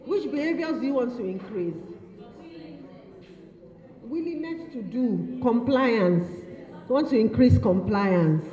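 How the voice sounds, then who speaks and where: A woman's voice: a little high, animated, slow pace, long pauses, mellow. A woman running an interactive workshop, repeating and affirming answers from the audience and teasing participants playfully. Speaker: workshop facilitator. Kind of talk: interactive training session. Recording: echoey hall, dull lo-fi sound.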